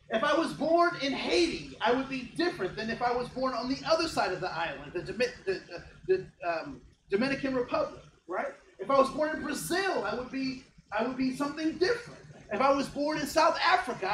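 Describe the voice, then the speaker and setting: The diversity trainer here, a man in his fifties from Ohio, has a very high, fairly bright voice. He leads a joking, interactive workshop for a live audience, checking in with them often, recorded in an echoey room with a faint background hum.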